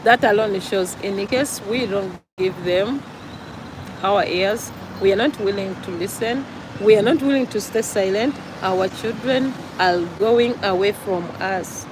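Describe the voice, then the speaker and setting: Slow-talking Ugandan woman vlogging by traffic. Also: medium pitch. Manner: earnest, preachy, repeats herself for emphasis. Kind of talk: casual vlog monologue.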